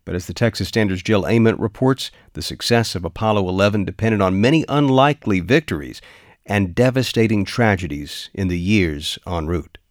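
A man's voice: lowish voice, normal speed, no echo, studio quality. A man hosting a radio news program, reading a scripted introduction.

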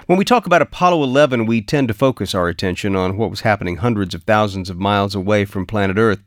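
Man, radio host, scripted introduction, lowish voice, dry studio sound. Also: fast, no room sound.

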